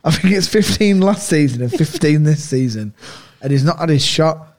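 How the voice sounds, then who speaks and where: Man, fairly high voice, dry quips and earnest football takes. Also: lively intonation, normal speed, a little mellow. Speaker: podcast co-host. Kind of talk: casual football podcast chat.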